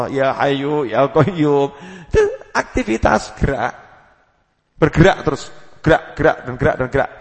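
A man giving a sermon to a gathering, lively, acting out quotes and chanting dhikr phrases. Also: high voice. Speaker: preacher. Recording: long hall reverb.

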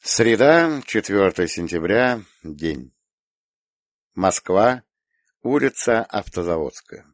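A man narrating an audiobook in a steady, expressive storytelling read. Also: lowish voice, takes it slowly, long pauses, dry recording, clean studio sound. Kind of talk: scripted narration.

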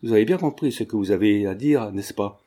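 A man reading the part of a sly old man who pretends to be deaf and talks in a lowered, scheming way. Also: lively intonation, a little fast, dark tone. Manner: lowered, conspiratorial speech.

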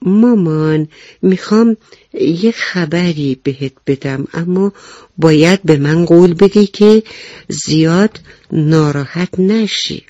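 Guy putting on a tiny boy mouse voice, thin and high, nervous, dull lo-fi sound. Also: warm tone, no room sound, natural voice. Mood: earnest.

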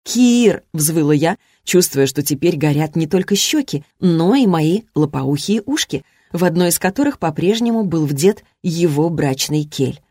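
A woman reading a first-person romantic fantasy novel aloud, expressive, lifting her voice for the heroine's lines. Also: low voice, normal speed, no room sound, studio quality. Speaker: audiobook narrator. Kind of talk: first-person fiction narration.

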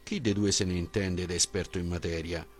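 A man reading a philosophical dialogue as an audiobook, with a measured, questioning delivery. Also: sits low, fairly even intonation. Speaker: audiobook reader.

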